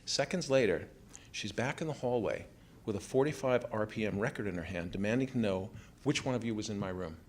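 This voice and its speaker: An American writer in his fifties reads his own first-person personal essay on a small theater stage before a live audience, using a measured storytelling delivery and acting out quoted family dialogue. His voice sits lowish. The live recording carries background room noise and ambience.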